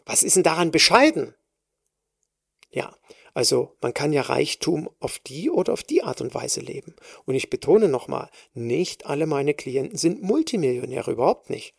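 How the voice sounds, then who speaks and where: Emphatic German woman podcaster, gravelly. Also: a bass voice, big pitch swings, normal speed, dark tone, dry recording, studio quality. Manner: emphatic, repeats and stresses words. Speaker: podcast host, personal trainer. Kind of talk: solo podcast monologue.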